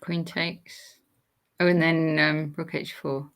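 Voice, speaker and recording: A woman co-commentating a chess game in a casual way, chiming in with short quick remarks about moves. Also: sits low, level tone, fairly bright tone.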